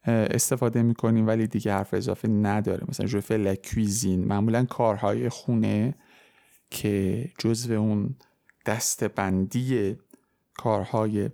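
A man hosting a podcast language lesson, explaining grammar patiently and slowing down for careful example sentences. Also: on the low side, fairly even intonation, vocal fry, warm tone. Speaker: French teacher.

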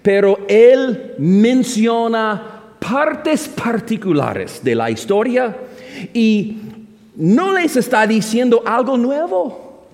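A man preaching a sermon as a pastor, with emphatic rises and slow, drawn-out phrases. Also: very high-pitched. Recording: long hall reverb.

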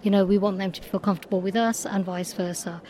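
A woman with a mid-pitched voice gives a conversational interview answer. She is recorded live in a venue, with faint noise around her. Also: flat delivery, fast talker, mellow. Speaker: event exhibitor, sales and marketing director. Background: venue ambience.

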